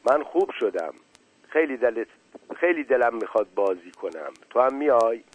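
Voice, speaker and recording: A sweet little female sparrow, wounded and grateful, speaking in a soft, gentle way, as a man reads her part. The voice stays at a middle pitch and is lightly colored rather than fully transformed. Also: very animated, breathy edge, dry recording, rough recording. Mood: eager. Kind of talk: storybook character voice.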